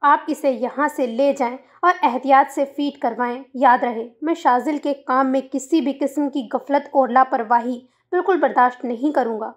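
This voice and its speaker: A woman's voice: sits high, normal speed, hardly any pauses, close to an everyday voice. A woman voicing a stern young husband who talks in a curt, cold, controlled way.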